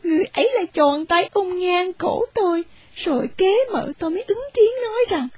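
Woman reader as orphan girl, very high voice, tearful, dry close sound. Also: lively intonation, fairly quick, darkish tone, no room sound. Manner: tearful, pleading storytelling. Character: poor orphaned young woman, wronged and tearful. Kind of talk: storybook reading.

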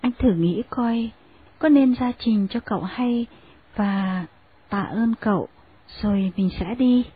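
A woman voicing a timid, dutiful young wife who speaks softly and humbly. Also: a little high, takes it slowly, breathy edge, heavily acted. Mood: humble. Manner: soft, humble. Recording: phone-like narrow sound.

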